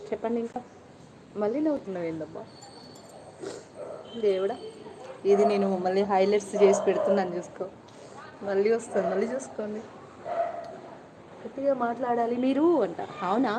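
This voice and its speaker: A woman hosting a casual live stream, greeting viewers by name and reading their comments aloud with playful teasing, often softly while sipping tea. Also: medium pitch, brisk, long pauses, background noise.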